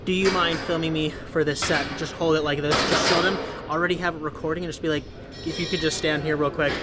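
The setting is very noisy: a young man with a fairly high-pitched voice films a casual how-to vlog in a large indoor gym. As a fitness video creator, he chats and explains step by step to a camera placed close on a tripod.

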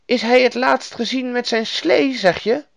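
A man voicing a caring old woman of the far north, in a high, fussing voice. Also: measured pace, vocal fry, a bit bright, dry recording, exaggerated voice.

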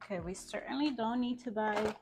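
Loud music plays behind a fairly high, fairly quick female voice. She's in her thirties, filming a vlog in her home kitchen, and she chats encouragingly to camera and in voice-over about organizing, laughing at her own mess along the way.

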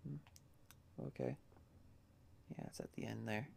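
Man, low voice, groggy morning voice, casual gameplay commentary, relaxed mumbling, faint background noise. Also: slow, gravelly. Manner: relaxed, mumbling, with bursts of swearing. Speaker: gamer playing a video game.

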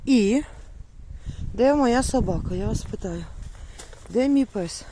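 A woman talking casually to the camera in a village yard, calling for her dog in high sing-song bursts. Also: animated, takes it slowly, dark tone. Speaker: vlogger. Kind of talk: casual vlog narration. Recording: noisy outdoor recording. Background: animals and rural outdoor sounds.

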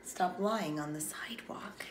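A woman's voice: on the low side, measured pace, a little hiss or hum, close to an everyday voice. A woman reading as a patient, scolding mom. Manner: calm, gently scolding. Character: patient, weary mother of a toddler. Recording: roomy, distant mic, faint ambience.

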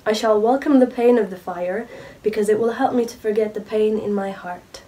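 A young woman with a cold reading a remorseful male creature's lines slowly and carefully. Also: mid-range voice, steady tone, warm tone, recorded from a distance, lightly acted, low-quality recording. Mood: grim. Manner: slow, careful reading aloud. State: sick with a cold.

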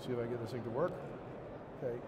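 A middle-aged man with a Brooklyn accent giving a formal slide presentation to a conference room, in a halting way. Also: medium pitch, fairly even intonation. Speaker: conference speaker standing in for a director. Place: indoor conference room with seated audience. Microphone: podium microphone, later picked up by hand. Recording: echoey hall, noisy room ambience.

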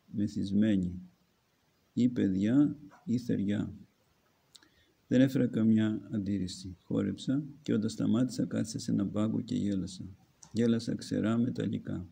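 A man's voice: on the low side, fairly even intonation, creaky, mellow, breathy edge. A man, an Orthodox archimandrite, reads a book aloud as a homily and breaks off to add his own comments. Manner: reads narrative then pauses to comment.

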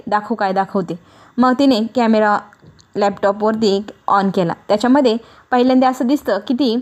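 A woman's voice: fairly high pitch, a little mellow. A woman retelling a serial episode, reading every character's lines in her own voice. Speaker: serial recap narrator.

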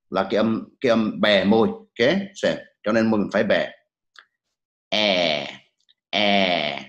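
A man with a lowish voice teaches English pronunciation, patiently repeating each sound so students can copy it in repetition drills. The recording is reverberant.

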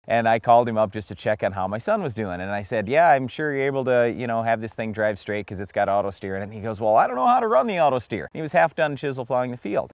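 A man's voice: lowish voice, dry recording. A man in his forties co-hosting a farm show outdoors in a field, telling folksy stories in plain talk. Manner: folksy, plain-spoken storytelling.

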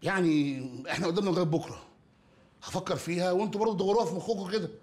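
A sly, coaxing heist ringleader. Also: male voice, high-pitched, very fast, a little mellow. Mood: scheming. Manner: coaxing, soothing. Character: smooth-talking male heist ringleader, soothing and sly. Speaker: actor in a film comedy.

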